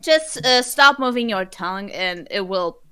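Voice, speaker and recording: A woman player chatting casually and quickly about her character's choices. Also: medium pitch, lively intonation, pushed and bright, smooth. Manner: chatty, quick bursts with restarts. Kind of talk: casual chat between role-play scenes.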